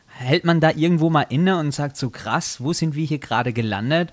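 A man conducts a relaxed interview. He asks curious, conversational questions. His voice sits a little higher than most men's. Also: moderate pace.

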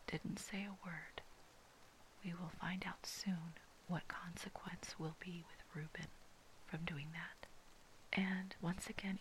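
A person from Hawaii giving a slow, reverent, fully whispered commentary on Bible passages. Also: mid-range voice, a bit bright, a little hiss or hum, low-quality recording. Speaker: devotional Bible reader.

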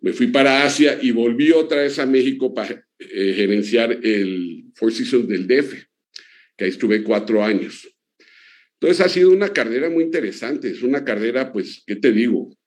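A man in his sixties, an interview guest, answering in a relaxed, conversational way with frequent pauses. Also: mid-range voice. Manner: relaxed, many "eh" and "pues" fillers.

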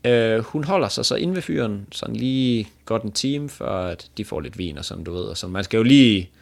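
A man's voice: lowish voice, expressive, creaky. Danish man telling a crude funny story. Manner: laughing, crude joking. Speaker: podcast host. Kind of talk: casual storytelling chat.

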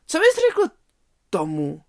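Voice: medium pitch, huge pitch swings, darkish tone. A storyteller voicing a cheeky, kind-hearted young male lamb. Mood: eager.

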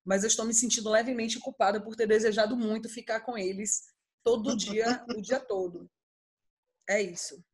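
A woman's voice: a little high, steady tone, brisk, husky. A woman, telling family stories in a casual chat and animatedly acting out her kids' voices. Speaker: podcast co-host.

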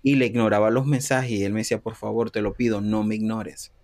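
A man's voice: on the low side, quick pace. A man in his thirties, from Panama, telling a personal story in a casual interview, acting out the dialogue and laughing often. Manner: animated, acts out quoted dialogue, laughs often. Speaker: interview guest.

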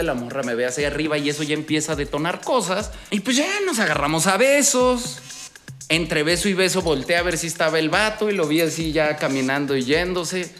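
Un hombre joven con acento mexicano cuenta una historia de ligue en tono casual y lleno de jerga, hablándole al oyente como a un compa. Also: male voice, a little high, fairly bright tone. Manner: slangy, streetwise, addresses listener as buddy. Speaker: dating advice host. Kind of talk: casual storytelling monologue.

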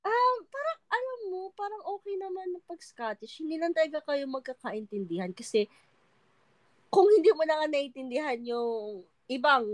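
A woman in casual chat, talking in an animated way and laughing often. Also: high-pitched, moderate pace, dry recording. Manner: animated, laughing, Taglish chatter.

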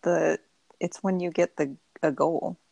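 A woman's voice: low voice, steady tone, a little slow, creaky, a little mellow, no room sound. A woman co-hosting a casual chat, reacting in a laid-back, teasing way with laughs. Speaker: podcast co-host.

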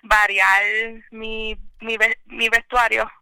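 A young woman with a very bright, crisp voice chats casually in Spanglish over a phone line. Her pitch stays fairly even as she slips English words into her Spanish. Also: slow pace, no room sound. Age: young adult. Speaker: podcast guest. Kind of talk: casual chat.

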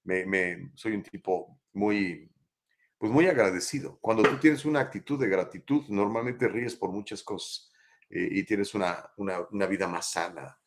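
A man's voice: on the low side, normal speed. A man hosting a live show, talking casually and animatedly and calling his viewers brother as he answers their comments.

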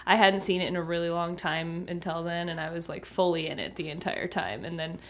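A woman's voice: on the low side, a little fast. A woman co-hosting a podcast, talking casually with many ums and likes. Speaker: podcast co-host. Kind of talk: casual chat.

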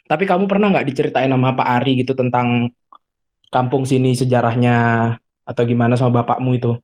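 A man's voice: medium pitch, steady tone, fast talker, darkish tone. Teasing man. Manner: teasing, innuendo-laden, playful. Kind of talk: improvised comedic banter.

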